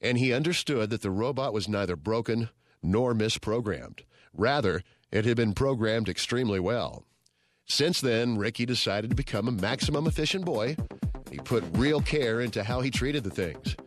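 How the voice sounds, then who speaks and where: A man reading a children's story aloud in a steady, gentle storytelling manner. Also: medium pitch, moderate pace, no echo, studio quality, soft background music. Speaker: story reader. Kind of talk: scripted storybook narration.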